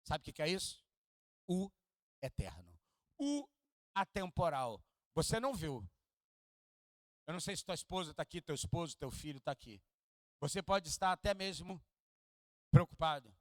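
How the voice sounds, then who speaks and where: With a sing-song delivery at a moderate pace and frequent pauses, a Carioca-accented pastor from Rio de Janeiro preaches in a church hall. He sinks to hushed, low asides and rises to loud, high peaks, joking with the congregation and leading them in repeating lines. There's no echo.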